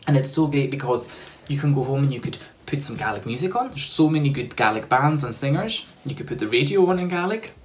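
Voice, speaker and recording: A man's voice: mid-range voice, animated, fast talker, hardly any pauses. A young Scottish man chats informally to camera at home. There is faint ambient noise behind his voice. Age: 20s. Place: small home room.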